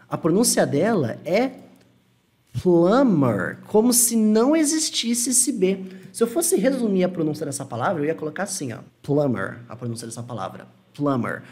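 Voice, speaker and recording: Animated Brazilian man teaching English. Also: high voice. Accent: Brazilian Portuguese. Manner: explains patiently, slows down to model English phrases. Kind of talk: online language lesson.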